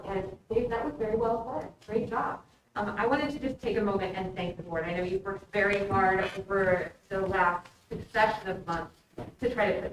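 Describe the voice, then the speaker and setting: A woman giving a polite, supportive public comment at a meeting. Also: mid-range voice. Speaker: teacher speaking at public meeting. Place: indoor public meeting room. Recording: echoey room, distant mic, clear noise.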